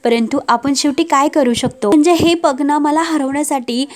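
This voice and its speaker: Give me a high-voiced, taunting villainess from a TV serial, scheming and sure she has won, as a woman retelling the episode puts her on. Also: moderate pace, a little mellow, natural voice. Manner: mocking, taunting. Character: gloating scheming jailed young woman.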